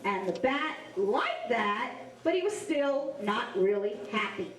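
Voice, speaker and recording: A woman with a Cajun accent telling a story to children in a playful, animated way, acting out the dialogue. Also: a little high, slow pace. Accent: Cajun Louisiana. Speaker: storyteller and face painter. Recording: echoey large room, distant mic.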